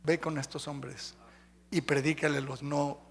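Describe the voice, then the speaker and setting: A man voicing the Holy Spirit giving steady, low commands in a sermon. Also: measured pace, big-room sound. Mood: commanding.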